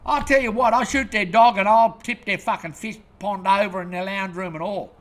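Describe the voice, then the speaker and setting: A man's voice: high voice, steady tone, moderate pace, a bit bright. An Australian man hosting his own show, ranting angrily and rambling, swearing constantly. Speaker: host. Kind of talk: profane rant to camera.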